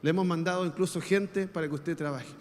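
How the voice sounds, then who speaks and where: Chilean pastor preaching in a reverberant hall. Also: male voice, fairly high pitch, fairly even intonation, fast talker. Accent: Chilean Spanish. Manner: preaching with call-and-response, swinging from soft to shouted. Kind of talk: sermon.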